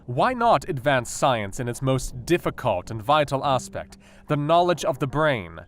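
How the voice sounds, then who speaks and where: An actor playing a brooding, intellectual Victorian asylum doctor, speaking a measured, formal diary monologue in a radio play. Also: male voice, mid-range voice, sing-song. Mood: feverishly ambitious. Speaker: actor in an audio drama. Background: guitar music.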